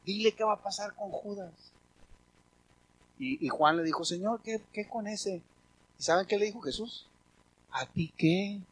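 A male pastor, preaching a sermon with sudden loud emphatic bursts. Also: high voice, no room sound, poor audio.

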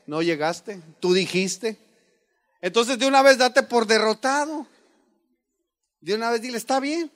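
A man's voice: sits high, fairly bright tone. A man, a pastor giving an earnest, conversational sermon and firing rhetorical questions at the congregation. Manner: earnest, addresses listeners as brothers, rhetorical questions.

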